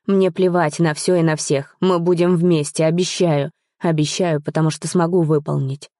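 Woman voicing a young man, guilty lover, soft, pleading, low mellow tone. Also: fairly even intonation, moderate pace, no room sound, studio quality, natural voice.

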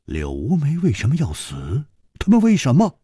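A man narrating a traditional martial-arts story with dramatic, drawn-out emphasis. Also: medium pitch, wildly swooping pitch, mellow, breathy edge, dry recording, studio quality.

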